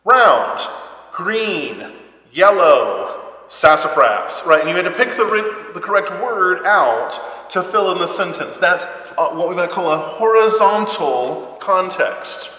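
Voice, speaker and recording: A man's voice: sits high, measured pace, pushed and bright. A man teaching a Bible study class at church, explaining things step by step and often checking in with "right?" and "okay?". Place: church hall. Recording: echoey hall with long reverb.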